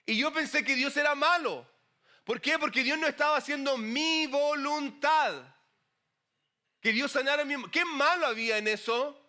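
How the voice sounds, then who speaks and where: Brief: male pastor, middle-aged, high bright voice, chatty preaching style. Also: normal speed. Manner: conversational, animated preaching with asides to the congregation. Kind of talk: sermon.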